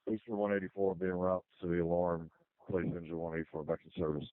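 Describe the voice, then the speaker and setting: A man's voice: deep voice, fairly even intonation, quick pace, no echo. A man giving terse, procedural status reports over emergency radio, in the manner of police radio. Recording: tinny phone-like radio channel.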